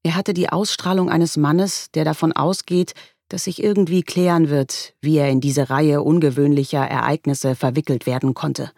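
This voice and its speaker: A woman reading a first-person story aloud in a wry, measured way. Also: low voice, steady tone, vocal fry, a little mellow, no echo, clean studio sound. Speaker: audiobook narrator. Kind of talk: first-person audiobook narration.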